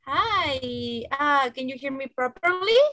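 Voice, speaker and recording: Upbeat young woman host, high voice, dry close sound, video call. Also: animated, slow pace, sharp tone, no room sound. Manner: upbeat, encouraging, chatty. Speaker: show host. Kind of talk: lively online show hosting.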